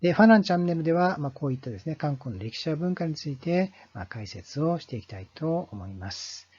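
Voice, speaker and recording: Male history host, fairly high and lively pitch, husky and mellow tone, halting and filler-heavy, dull lo-fi recording. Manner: halting delivery full of drawn-out fillers. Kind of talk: lecture-style explanation. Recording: dull lo-fi sound.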